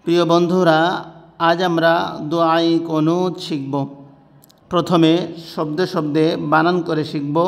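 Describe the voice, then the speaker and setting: A man teaching a prayer recitation, spelling each syllable out deliberately and then chanting the words. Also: fairly high pitch, long reverb tail.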